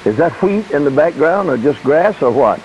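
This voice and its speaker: A man's voice: fairly high pitch, very animated, normal speed, a little mellow, a little hiss or hum. A man interviewing over a phone line. He asks short questions and murmurs agreement. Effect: heard over a phone line.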